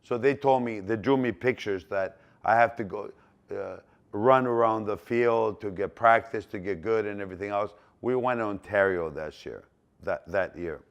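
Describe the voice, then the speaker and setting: A Greek-born man in his sixties speaks English with a Greek accent in a somewhat low voice. He rambles through memories with many fillers, false starts and repeated phrases. He sounds like someone chatting casually rather than reading a script. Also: gravelly. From Greece. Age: 60s. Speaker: business owner telling his life story. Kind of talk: casual personal storytelling.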